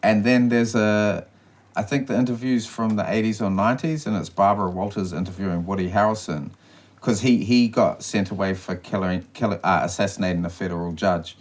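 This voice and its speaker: A man's voice: on the low side, brisk. A man co-hosting a casual podcast, rambling through stories and swearing freely over a beer. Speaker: podcast co-host. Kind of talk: casual chat.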